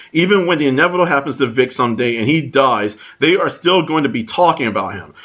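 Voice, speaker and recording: A man commenting on online posts, reading them aloud in a halting way with many fillers and restarts. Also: a little high, bright, forceful tone. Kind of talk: casual commentary over screenshots.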